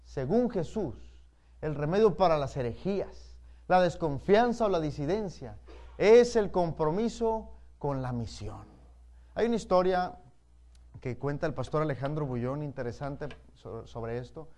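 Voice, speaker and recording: A man's voice: fairly high pitch, expressive, a little slow, dark tone. A male pastor preaching a sermon, telling stories and speaking emphatically to his congregation. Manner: storytelling, emphatic, addresses the congregation directly.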